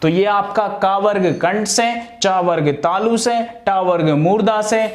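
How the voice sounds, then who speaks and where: High-voiced man drilling a grammar lesson. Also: a little slow. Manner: repetitive question-and-answer drilling, pronounces sounds aloud. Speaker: teacher. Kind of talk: exam-prep grammar lesson.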